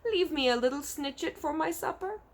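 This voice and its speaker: A woman voicing a gentle, eager male giant who speaks in quaint broken grammar. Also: high voice, lively intonation, normal speed, pitched above the performer's own voice. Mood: pleading.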